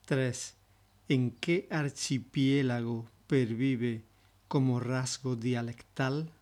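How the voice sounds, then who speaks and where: A man giving a scripted, educational narration, speaking in a measured, deliberate way. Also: medium pitch, steady tone, darkish tone. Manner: slow, measured, deliberate delivery. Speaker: language teacher.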